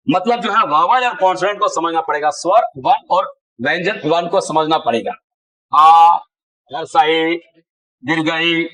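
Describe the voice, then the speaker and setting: A man's voice: high voice, bright, forceful tone, rough recording. A man teaching a spelling lesson who drills letters and syllables aloud in long lists. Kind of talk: classroom-style spelling lesson.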